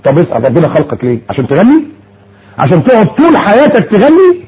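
A man's voice: sits high, wildly swooping pitch, quick pace, a little mellow, breathy edge. A man with an Egyptian Arabic accent preaching a sermon, firing rhetorical questions and mockingly repeating words. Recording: muffled lo-fi audio.

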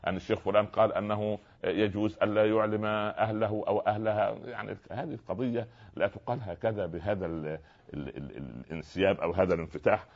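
A man hosting a religious call-in show, preaching earnestly and joking gently with callers. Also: fairly low pitch, steady tone, fast, gravelly. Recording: dull lo-fi broadcast sound.

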